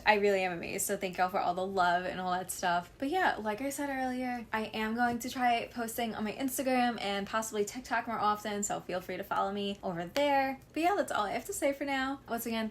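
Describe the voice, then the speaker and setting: Chatty young woman gushing about books. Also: fairly high pitch. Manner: chatty, gushing, many fillers like "like". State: sore voice. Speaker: book vlogger. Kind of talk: casual book review chat.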